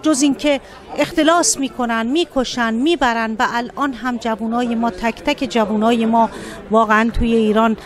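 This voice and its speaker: A middle-aged Iranian woman gives interview answers in Persian-accented speech. Her voice is fairly high, with a clearly audible crowd around her in an indoor venue. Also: steady tone. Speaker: storyteller being interviewed. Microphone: handheld reporter microphone. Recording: busy crowd murmur behind.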